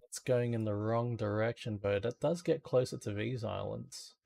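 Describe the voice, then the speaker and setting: A man's voice: fairly low pitch, fairly even intonation, moderate pace, creaky, dark tone. An Australian man streaming games, chatting in a casual, rambling, laid-back and sweary way. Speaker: game streamer. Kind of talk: casual rambling livestream chat.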